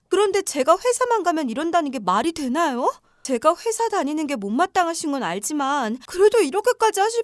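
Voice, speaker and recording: A woman's voice: high-pitched, no echo, clean studio sound. A woman playing a young working mother who speaks politely but firmly to her mother-in-law. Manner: polite, pleading, firm. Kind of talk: dramatized story narration.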